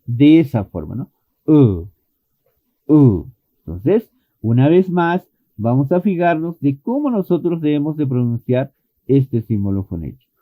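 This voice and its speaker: A man's voice: mid-range voice, sing-song, moderate pace, no echo. A man teaching an online English pronunciation lesson, patiently explaining and repeating vowel sounds as demonstrations. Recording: thin phone-like dry audio.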